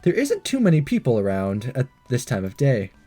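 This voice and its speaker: Game music runs beneath this let's play host as he reads a visual novel aloud, fumbling and re-reading lines between commentary. His mid-range voice is mellow with a breathy edge, pitch swooping wildly at a moderate pace.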